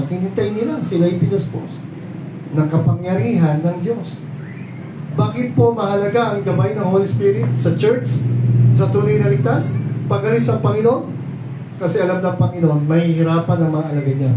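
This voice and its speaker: A man's voice: high-pitched, reverberant, distant mic, background noise. A man preaching a Bible sermon at a prayer meeting, explaining patiently and often checking in with the congregation by asking them questions. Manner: explains slowly, asks "di ba?" often, mixes in English phrases. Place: church hall.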